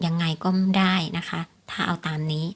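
A woman's voice: lowish voice, level tone, normal speed. A woman hosting a casual tips vlog, explaining things to viewers, repeating her points and often checking for agreement with polite particles. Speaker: lottery tips channel host.

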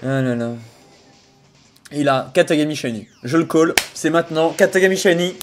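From a small room at home, a young man from the Sarthe streams a video game and talks to viewers on a headset mic, music playing in the background. His voice is fairly high-pitched at a moderate pace. He laughs a lot, rants in mock outrage and erupts into loud excitement during the casual chat.

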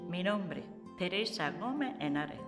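A woman's voice: fairly low pitch, animated, unhurried, long reverb tail, over music. A woman, plainly recalling her life in an interview at home. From Andalusia, Spain. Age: 80s. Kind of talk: reminiscing interview. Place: living room at home.

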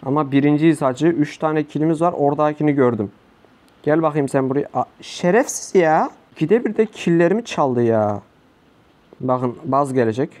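A young man with a slightly high voice talks viewers through his matches on a home desk mic. He keeps losing his temper, cursing at opponents and grumbling between plays. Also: animated, normal speed. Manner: frustrated, swears a lot, shouts at opponents. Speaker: gaming YouTuber. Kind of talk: live gameplay commentary.

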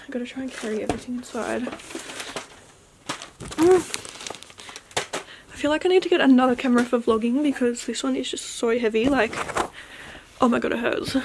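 A woman's voice: on the high side, background noise. An eighteen-year-old woman vlogging casually at home, rambling with lots of likes and ums, sometimes dropping to a whisper. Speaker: beauty vlogger. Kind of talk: casual vlog chat to camera. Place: at home, indoors. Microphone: camera mic on a tripod.

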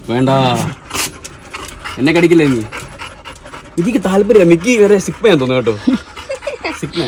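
A man's voice: mid-range voice, noisy background. A man vlogging casually, teasing and chatting to his pet dog.

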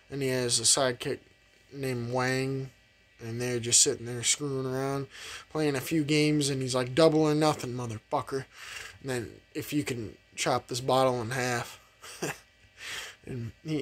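A young man with a mid-range, slightly bright voice reviews a film in a rambling, casual way. He swears a lot, fills gaps with "like," and laughs often as he talks.

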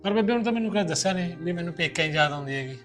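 An actor playing an easygoing young husband and dutiful son in a short film drama, talking in a mild, agreeable way. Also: male voice, high voice, animated, racing, a bit bright, faint music behind.

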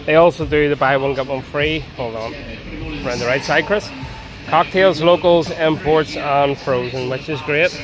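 This Northern Irish travel vlogger, a man in his forties, talks at a measured pace with a fairly high pitch. Music plays over the low-quality recording as he casually rates the food and drinks on an outdoor restaurant terrace.

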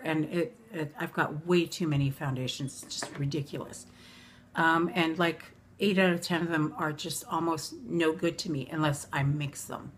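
Low-voiced woman in her forties chatting. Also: a little hiss or hum. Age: 40s. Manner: chatty, rambling, with frequent ums and self-corrections. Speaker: beauty vlogger. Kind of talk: casual makeup review vlog. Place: bedroom at home.

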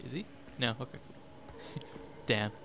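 A man's voice: medium pitch, a little slow, gravelly, fairly bright tone, a little hiss or hum. A man casually commenting on his gameplay, often laughing and making mock-exasperated asides. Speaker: let's play gamer.

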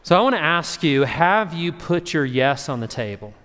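A man's voice: fairly high pitch, very animated, moderate pace, a bit bright, clean tone. A man, a pastor giving a conversational sermon and acting out short voices in his story. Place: church sanctuary. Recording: long hall reverb.

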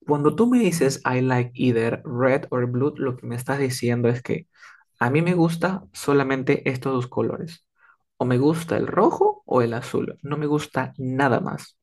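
A man teaching an English lesson, patient, checking often that students follow and acting out small example dialogues. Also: mid-range voice. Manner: acts out examples with switching voices. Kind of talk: live class explanation.

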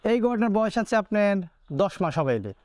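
Brief: male farmer, fairly high voice, dry close sound, quick and eager. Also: very animated, a little mellow, dry recording. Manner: quick, repeats "ji, ji" and "thik ache?". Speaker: dairy farmer. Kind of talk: casual on-site interview. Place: cattle farm.

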